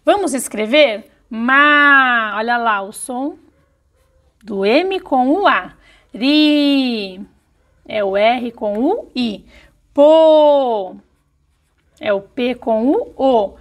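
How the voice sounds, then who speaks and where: A woman teaching young children in a recorded video lesson, sounding out words slowly syllable by syllable. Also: on the high side, very animated. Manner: slow, careful syllable-by-syllable dictation. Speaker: primary school teacher.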